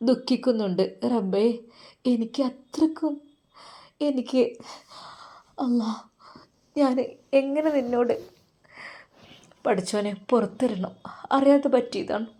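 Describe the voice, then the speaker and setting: A homesick young woman, as a woman narrator plays her pours out a soft, tearful prayer full of remorse. Her voice is fairly high and gentle. It is a spoken story told by one reader. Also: lightly acted.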